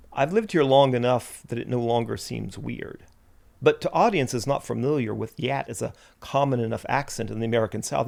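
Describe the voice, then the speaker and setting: A man's voice: mid-range voice, vocal fry, darkish tone. A man, a writer, delivering a reflective spoken essay in a musing, wry and self-deprecating way.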